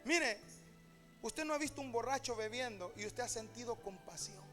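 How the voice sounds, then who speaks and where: A male pastor preaching a sermon in a church, telling a story and rising to shouts and half-sung lines. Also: extremely high pitch, expressive, normal speed, faint music behind. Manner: shouting and half-singing at climaxes, retelling a story with quoted voices.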